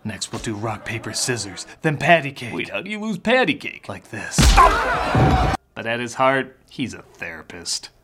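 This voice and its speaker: A man's voice: medium pitch, very animated, normal speed, loud music behind the voice. A man giving a sarcastic comedic film review, jumping into exaggerated mock voices.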